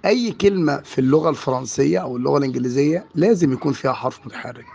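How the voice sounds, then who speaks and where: A man's voice: medium pitch, gravelly, darkish tone. A man with an Egyptian Arabic accent explaining French vowel sounds as a teacher, drawing out and repeating each example word. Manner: slow and drawn out on example words, repeating each one. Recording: dull lo-fi recording.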